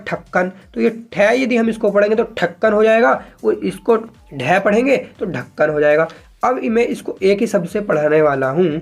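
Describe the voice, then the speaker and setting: A man teaching a shorthand lesson to viewers, speaking casually and patiently, slowly repeating example sentences and often checking that his viewers follow. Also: high-pitched, vocal fry. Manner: addresses viewers as friends, frequent "ठीक है".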